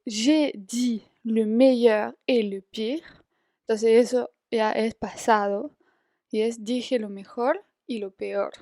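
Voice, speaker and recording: Young lady teaching song lyrics, mellow voice, very slow careful delivery, dry close sound. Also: on the high side, fairly even intonation, dry recording. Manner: slow careful French pronunciation then explains in Spanish. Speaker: French teacher. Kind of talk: language lesson explaining lyrics.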